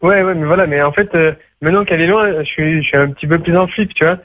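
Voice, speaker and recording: A man's voice: a little high, fast talker, a bit bright, no echo. A young man calling a radio show, hesitant and sheepish, with many fillers, over a phone line. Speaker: caller.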